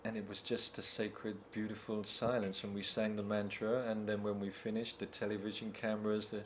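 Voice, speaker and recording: A male musician guest telling stories in a casual interview, halting often with fillers. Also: fairly low pitch, little pitch movement, slight background noise. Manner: halting, storytelling with many fillers.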